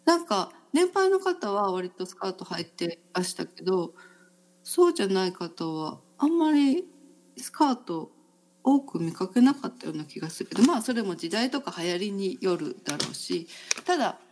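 A woman hosts a relaxed conversational podcast. Her voice swings widely in pitch as she chats. She laughs often and fills pauses freely. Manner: chatty, laughs often, many fillers. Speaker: podcast host. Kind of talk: casual conversational chat.

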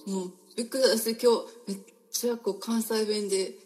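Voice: mid-range voice, steady tone, moderate pace, darkish tone. A Kansai-accented host keeps the talk going with a teasing, chatty tone and a voice in an ordinary middle register. Sentences often stall and restart before landing. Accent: Kansai Japanese. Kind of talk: casual interview talk.

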